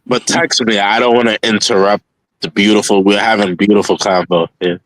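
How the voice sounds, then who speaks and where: Male, lowish voice, dry sound, informal slangy talk with repeated phrases. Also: level tone, fairly quick, a bit bright, dry recording, low-quality recording. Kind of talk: casual group chat.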